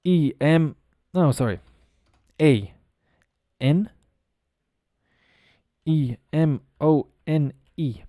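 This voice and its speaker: A man's voice: a little high, drawn-out words, pauses often, warm tone, dry recording, clean studio sound. A man teaching English pronunciation on a live stream, spelling words out letter by letter and chatting casually as he goes.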